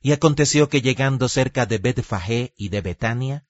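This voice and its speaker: A man reading scripture as a solemn, measured biblical epic narrator, with deliberate pauses. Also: medium pitch, no echo. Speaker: Bible narrator. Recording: dull lo-fi recording with music behind. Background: music.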